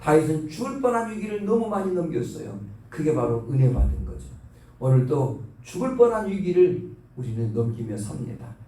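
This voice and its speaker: A fervent man preaching at an early-morning church service, pressing his listeners to pray. His voice sits a bit high yet sounds mellow and soft-edged. It comes from some distance off the mic and rings through a very echoey sanctuary with a faint hiss behind it. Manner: fervent, urges the congregation to pray. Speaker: pastor. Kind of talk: dawn prayer service sermon. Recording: very echoey hall, voice from afar.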